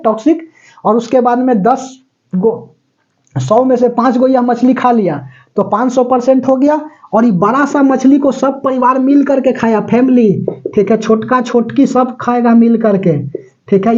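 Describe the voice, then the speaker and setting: A man's voice: very high voice, darkish tone, lo-fi sound. A male teacher giving a chatty classroom lecture, mixing English terms into his talk and often checking that students follow. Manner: mixes English terms into Hindi; breaks into snatches of song.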